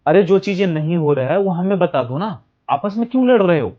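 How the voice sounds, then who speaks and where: A man's voice: high voice, lively intonation, a little fast. A man playing an elder brother who scolds his wife and sister-in-law for fighting, in an amateur family drama. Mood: scolding. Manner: lecturing, scolding. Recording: dull lo-fi sound with faint music.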